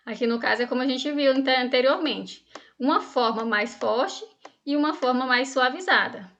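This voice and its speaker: Teaching Spanish online to students, a Brazilian woman explains things patiently, quizzes the class, and reads the exercises aloud. She has a high, fairly bright voice at normal speed, though the audio sounds dull.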